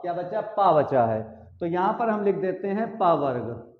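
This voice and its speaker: Male teacher, high voice, drills pupils with repeated questions, tinny echoey room recording. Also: big pitch swings, measured pace. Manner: repetitive call-and-response questioning. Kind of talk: classroom lesson on Hindi consonants.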